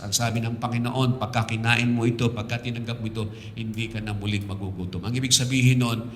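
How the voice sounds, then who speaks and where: A Filipino man preaching a sermon from the pulpit, mixing Tagalog and English and building to loud, passionate appeals. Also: on the low side, a little hiss or hum. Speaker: pastor. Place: church sanctuary. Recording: echoey church hall, slightly distant.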